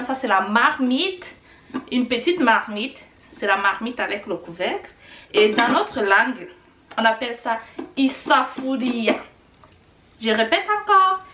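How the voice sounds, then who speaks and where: Slightly bright and on the high side, this middle-aged Rwandan vlogger teaches Kinyarwanda words casually, chatting, repeating herself, and leaning on fillers. The echoey room and her distance from the mic color the recording.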